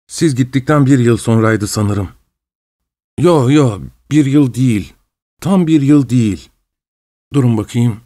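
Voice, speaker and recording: A man voicing an excitable, fawning middle-aged husband who talks with ingratiating emotion, in an audiobook. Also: mid-range voice, close to an everyday voice.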